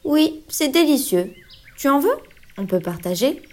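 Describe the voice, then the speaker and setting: A woman voicing a friendly little girl in a children's storybook reading, eager and bright. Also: high-pitched, big pitch swings, measured pace, voice pushed up.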